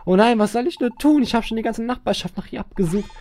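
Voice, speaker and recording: A man voicing a frantic, worried mother from a video game in a high, pleading voice. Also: quick pace, darkish tone. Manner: distressed, pleading, high put-on voice. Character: frantic worried mother searching for her child.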